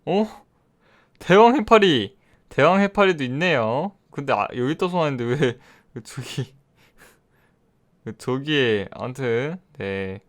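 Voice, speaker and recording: A man's voice: mid-range voice, expressive, slow pace. A young man giving casual, joking commentary while he plays and reviews a game mod, often talking to the characters on screen. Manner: chatty, jokes and talks to game characters, laughs often.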